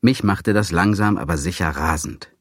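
Deep-voiced man narrating dryly. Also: moderate pace, a bit bright, no echo, clean studio sound. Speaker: audiobook narrator. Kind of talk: scripted first-person narration.

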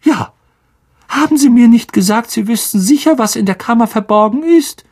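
A man voicing a tiny, squeaky male teacher in an audiobook reading. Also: lively intonation, moderate pace, a little mellow, breathy edge, exaggerated voice. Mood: piping. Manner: squeaky, piping. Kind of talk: audiobook character voice.

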